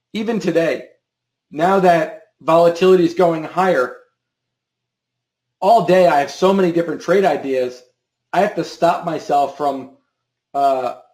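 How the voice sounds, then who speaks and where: A man's voice: on the high side, a little mellow, reverberant. A man hosting a live trading stream, answering a viewer's question in a loose, rambling way, often repeating words and restarting sentences. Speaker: options trading show host.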